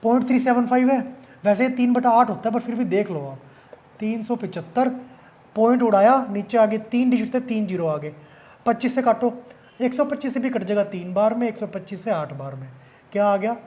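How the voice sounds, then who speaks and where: A man with a high-pitched voice teaches an exam-prep math lesson. He talks in a relaxed, conversational way, constantly asking rhetorical questions and answering them himself. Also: brisk. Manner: casual, conversational explaining.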